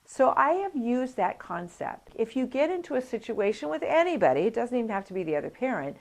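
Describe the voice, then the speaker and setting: A woman with a slightly high voice and a brisk pace leads a coparenting class. She teaches in a lively way, telling anecdotes with animation and acting out the voices of the people she quotes.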